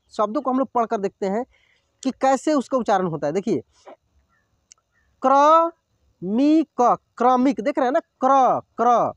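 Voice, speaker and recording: A man teaching a Hindi reading lesson, saying each word slowly and clearly, then repeating it, and often checking with his viewers. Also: very high-pitched, a little mellow, dry recording. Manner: addresses viewers as friends, checks with "okay?". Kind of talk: slow classroom reading lesson.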